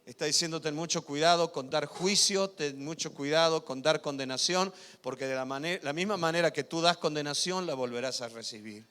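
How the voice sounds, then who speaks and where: Emphatic preacher in a reverberant hall. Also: male voice, a little high, moderate pace, few pauses. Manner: swings from loud emphatic preaching to quiet intimate asides; asks the congregation if they follow. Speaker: pastor. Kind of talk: sermon.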